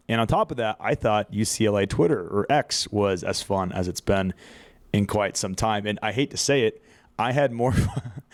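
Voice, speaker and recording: A young American man hosts a casual sports podcast in a lowish voice with no echo. He rambles through stories, swears casually and laughs mid-sentence.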